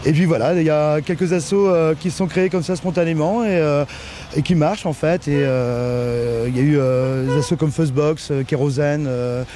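Man, mellow higher voice, spontaneous interview talk, faint background noise. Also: normal speed. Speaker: interviewee at a café-concert. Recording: noisy archive reportage with vehicle ambience.

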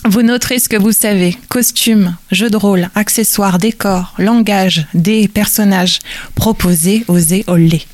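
A woman's voice: mid-range voice, measured pace, dry recording. A woman delivering a humorous, theatrical monologue as a radio columnist, full of wordplay and playful asides.

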